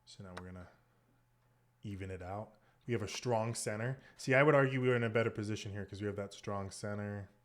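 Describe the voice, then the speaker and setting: A man thinking aloud as he plays online chess, muttering moves and often dropping to a hushed near whisper. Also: fairly low pitch, a little fast. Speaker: chess streamer.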